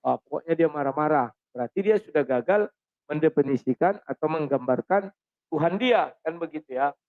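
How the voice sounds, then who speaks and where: A man with a high-pitched voice talks straight to his listeners in a loose, conversational monologue. He clears his throat again and again between phrases. The sound is thin and tinny, as if it came through a phone. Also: expressive, normal speed. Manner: frequent throat clearing, addresses listeners as friends. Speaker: channel host. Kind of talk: casual spoken monologue.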